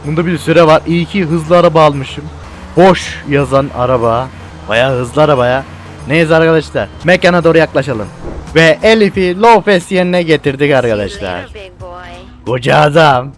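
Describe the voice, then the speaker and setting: A young man giving casual, joking let's-play commentary with loud exclamations. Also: on the high side, moderate pace, faint music behind. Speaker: gameplay YouTuber.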